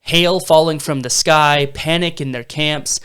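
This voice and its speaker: A man's voice: on the high side, fairly even intonation, unhurried, fairly bright tone, clear, resonant tone. A young man in his twenties co-hosting a casual Bible discussion podcast, telling the story eagerly with some fillers. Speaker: podcast co-host.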